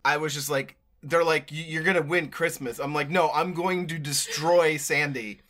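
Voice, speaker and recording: A man in his thirties with a bright, crisp-edged voice chats casually as a co-host. He explains things haltingly, thinking aloud as he goes. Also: on the high side, fairly even intonation. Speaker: vlog co-host. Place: indoor room full of collectibles.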